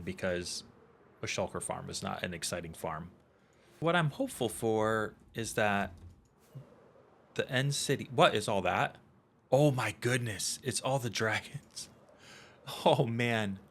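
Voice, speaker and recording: A man's voice: deep voice, creaky, fairly bright tone, slight background noise. A man giving casual gameplay commentary, chatty and self-mocking, with jokey asides to his viewers. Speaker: gaming YouTuber.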